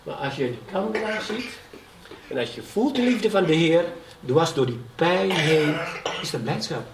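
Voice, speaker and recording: A middle-aged pastor with a somewhat high, expressive voice preaches at normal speed in a church hall, growing more fervent as he testifies and repeatedly asking the congregation "ja?". The recording is echoey and distant, with faint background noise.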